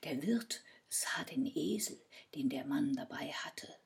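A woman's voice: sits low, lively intonation, takes it slowly, creaky, a little mellow, husky. A woman telling a fairy tale dramatically, often dropping to a whisper. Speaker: storyteller.

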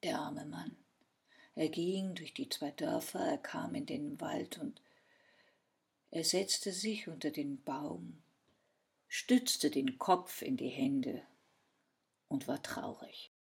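A woman's voice: low-pitched, takes it slowly, vocal fry, pauses often, breathy edge. A woman telling a fairy tale dramatically, often dropping to a whisper. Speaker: storyteller.

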